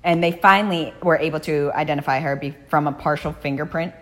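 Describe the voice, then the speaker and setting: A woman's voice: deep voice, steady tone, fast talker, faint music behind. A woman hosting a true crime podcast, telling the case in a casual, blunt way with frequent swearing. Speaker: podcast host.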